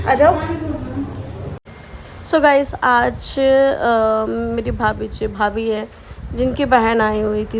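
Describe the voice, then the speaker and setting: A woman's voice: a little high, darkish tone. A young woman from Bihar chatting casually to her viewers in a daily vlog, teasing and talking directly to them. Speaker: vlogger. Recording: faint background noise.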